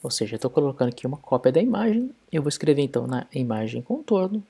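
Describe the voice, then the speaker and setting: A man's voice: mid-range voice, big pitch swings, quick pace, gravelly, dark tone, husky. A man explaining code step by step in a programming tutorial screencast. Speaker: programming instructor.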